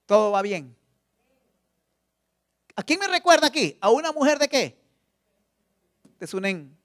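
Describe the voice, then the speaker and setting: A man's voice: very high voice, big pitch swings, measured pace. A man preaching a church sermon with emphasis, leaning on rhetorical questions and addressing the congregation directly. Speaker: pastor.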